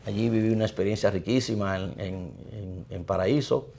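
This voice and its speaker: His low voice is warm yet gravelly, with a fry-laden edge, a Dominican Spanish accent, and a slight hiss or hum in the recording. The speaker, a middle-aged priest from the Dominican Republic, is an interview guest who describes his life in a reflective, measured way.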